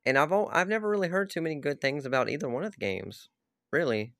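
A man's voice: fairly high pitch, quick pace, dry recording, studio quality. A man delivering a casual, rambling rant about video games, swearing often and laughing at himself. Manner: swearing, animated, self-deprecating, laughs often. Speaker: YouTuber ranting about games.

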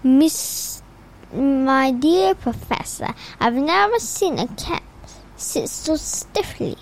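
A mild, kindly old wizard headmaster, voiced plainly by a woman reading a storybook aloud. The delivery is slow and halting, with stumbles and restarts. The voice sits high and swings widely in pitch. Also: lively intonation, a little hiss or hum, exaggerated voice. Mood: gentle. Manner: halting read-aloud with slips. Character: elderly wise male headmaster wizard, gentle.

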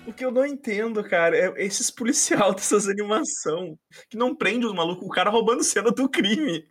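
A man's voice: high voice, lively intonation, brisk, a bit bright, slightly rough, soft background music. A Brazilian man co-hosting a podcast with casual, slangy banter. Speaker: podcast co-host.

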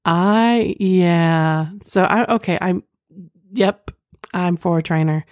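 A woman's voice: on the low side, slow, a little mellow, no room sound, studio quality. A woman hosting a podcast, talking in a candid, flirtatious way, moving between reading aloud and casual chat. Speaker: podcast host. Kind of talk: reading listener's story, then casual chat.

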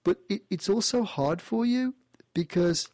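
A male radio host with a fairly high voice gives a caller an animated, playful reading. He talks in a lively way and keeps restarting his phrases. The studio sound is dry and close. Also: a little slow, dry recording. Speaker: radio show host doing past-life readings. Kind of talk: call-in radio talk.

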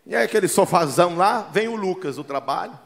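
Folksy pastor preaching, high voice jumping all over, keeps saying brother. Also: male voice, brisk, creaky. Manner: folksy storytelling, calls listeners "brother"; lively, acts out the voices in his stories. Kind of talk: sermon.

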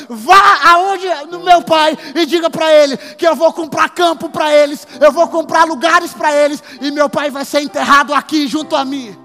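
A man preaching a sermon as pastor, emphatic and building to shouts. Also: extremely high pitch. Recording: long hall reverb with faint music.

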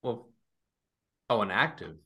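A man in his forties, chatting casually as a podcast co-host. His voice is low and bright, and he has a forceful edge. He rambles a little and laughs often. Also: sing-song, slow pace, creaky, breathy edge. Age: 40s. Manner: laughs easily, hesitant, rambling. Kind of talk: casual chat.

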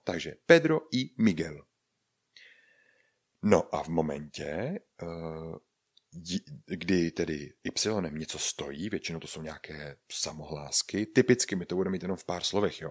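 Low-voiced Czech man teaching pronunciation. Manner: explains patiently, repeats and spells out words, light jokes. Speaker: Spanish language teacher. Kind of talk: podcast pronunciation lesson.

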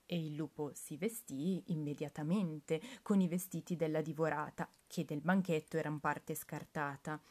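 A woman reading a rhymed story aloud as a storyteller, with a measured, expressive, rhythmic delivery. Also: sits low.

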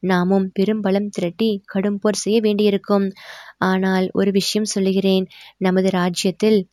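A woman voicing a gracious, resolute middle-aged emperor in a storybook reading, with formal, measured speech. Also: mid-range voice, level tone, dark tone, no echo, studio quality, natural voice. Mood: regal.

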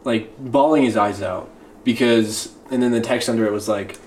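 A man's voice: mid-range voice, normal speed, a little mellow. Laid-back young man, slangy, roomy sound. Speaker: podcast co-host. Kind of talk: casual chat. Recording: roomy room with faint background noise.

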